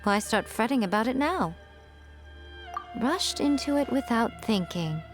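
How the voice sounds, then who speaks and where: A woman's voice: fairly high pitch, animated, unhurried, over music. A woman playing a sly, self-assured game character who teases with wry, condescending amusement. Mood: amused scorn. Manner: wry, condescending, drawling teasing. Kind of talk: scripted game dialogue.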